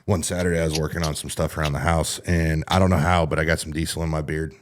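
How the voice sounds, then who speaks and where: Rowdy low-voiced male podcast host. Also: little pitch movement, quick pace, a little hiss or hum. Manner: rowdy storyteller, swears freely. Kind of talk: casual chat.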